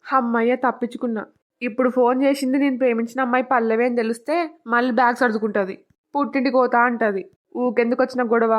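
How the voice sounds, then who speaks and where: A woman's voice: fairly high pitch, lightly acted. A woman voicing a nervous, secretive young husband who mutters anxiously to himself, on a dull lo-fi recording.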